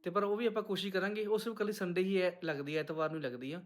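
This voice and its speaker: A man's voice: high voice, fairly even intonation, rapid-fire. A man with a Punjabi accent, chatting casually to his viewers as a vlogger. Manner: chatty, addresses viewers as friends. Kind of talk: casual vlog narration to viewers.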